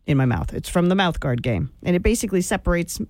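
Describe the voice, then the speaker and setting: A woman's voice: on the low side, lively intonation, quick pace, a little mellow, no echo. A woman co-hosting a morning radio show, chatty and giggly in casual banter.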